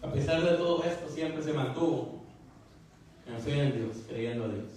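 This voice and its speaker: Recorded at a distance in an echoey church sanctuary with a bit of background noise, a man delivers a casual Spanish sermon. His voice is fairly high and darkish, his pace moderate, and his folksy style has him restarting words and repeating "¿verdad?" and "hermano" to the congregation.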